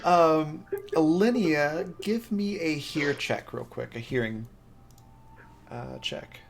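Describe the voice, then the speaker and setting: A man narrating as game master of a tabletop game, hesitant with many ums and quick to laugh. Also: a little high, lively intonation, gravelly, a little hiss or hum.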